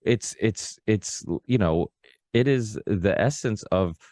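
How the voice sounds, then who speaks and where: Taking it slowly in a lowish, darkish voice, a Portuguese-born man of about forty who speaks Portuguese natively hosts a relaxed long-form podcast. His talk rambles, full of restarts and "you know, like". The sound is clean studio audio with no echo.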